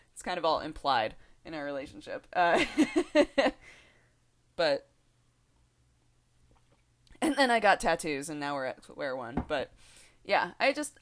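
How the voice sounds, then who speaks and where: A woman in her twenties talking casually to the camera in a rambling vlog, chatty and giggly, full of fillers and restarts. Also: deep voice. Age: 20s. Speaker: video blogger.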